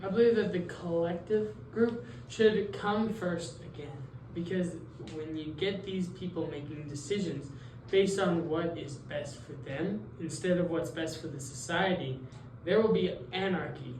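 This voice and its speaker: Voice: mid-range voice, a little slow, a little mellow, lightly acted. Teen kid playing an idealistic philosopher guy, hesitant, roomy far-off mic. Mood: earnest. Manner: hesitant, self-correcting. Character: male philosopher Jean-Jacques Rousseau, idealistic. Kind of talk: school role-play interview. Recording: roomy, distant mic, faint noise.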